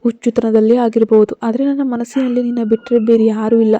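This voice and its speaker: A woman voicing a gentle young man who softly comforts his beloved in a storybook tale. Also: fairly high pitch, quick pace, lo-fi sound, natural voice. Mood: reassuring. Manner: soft, steady, comforting.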